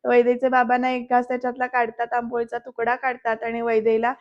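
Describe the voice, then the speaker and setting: Woman narrating an episode recap, fairly high voice, flat delivery, talks to viewers, dull lo-fi sound. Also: fast. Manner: storytelling recap, often addressing the viewers directly. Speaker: serial reviewer.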